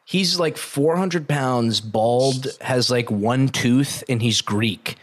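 A man's voice: mid-range voice, takes it slowly. A man in his twenties co-hosting a casual podcast chat, slangy and loose, peppering his talk with dude and bro. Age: 20s. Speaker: podcast co-host.

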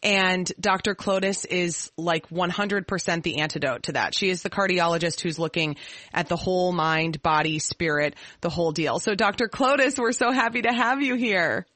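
A woman's voice: fairly low pitch, moderate pace, a bit bright, no room sound. A woman hosting a podcast in a casual, chatty and emphatic conversational style. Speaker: podcast host. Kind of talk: casual podcast chat, introducing a guest.

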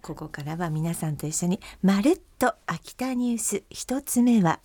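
A woman's voice: on the low side, expressive, moderate pace, warm tone, dry recording. Chatty Akita-dialect woman host. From Akita, Japan. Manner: chatty, laughs often, slips into dialect. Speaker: podcast host. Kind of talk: casual chat and news reading.

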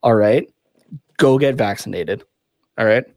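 A man's voice: on the low side, measured pace, a little mellow, no room sound. A man co-hosting a sports podcast, talking casually and bluntly. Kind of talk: casual chat.

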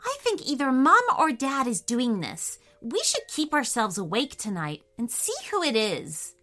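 A woman's voice: fairly high pitch, huge pitch swings, unhurried, bright, forceful tone, faint music behind, heavily acted. A woman voicing a sensible, decisive young girl in a raised girlish voice. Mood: planning.

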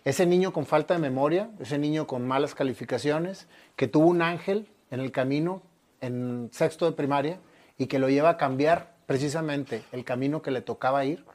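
Male interview host, fairly high voice, measured, reflective, conversational. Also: a little mellow.

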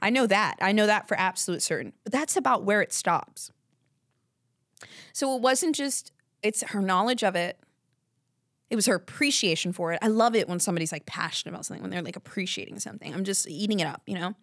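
A woman's voice: mid-range voice, lively intonation, a little fast, a bit bright, dry recording, studio quality. A woman hosting a podcast alone, talking in a rambling, candid, casual way and swearing now and then. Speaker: podcast host. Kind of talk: casual solo chat.

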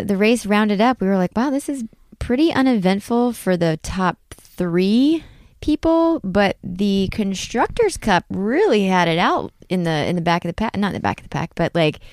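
A woman's voice: medium pitch, animated, moderate pace, a little mellow, no echo, studio quality. An American woman in her forties, chatty and giggly, co-hosting a casual sports chat podcast. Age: 40s. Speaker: podcast co-host.

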